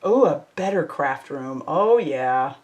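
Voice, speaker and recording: Woman, lower pitch, chatty, effusive, craft livestream host. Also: lively intonation, slow, lo-fi sound. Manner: chatty, reads out viewer comments, warm and effusive. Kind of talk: casual live chat while crafting.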